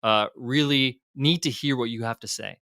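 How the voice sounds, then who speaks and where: A man's voice: mid-range voice, moderate pace, bright, forceful tone, dry recording, studio quality. A middle-aged man, a guest entrepreneur, speaking candidly in a casual podcast interview with frequent fillers and restarts. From United States.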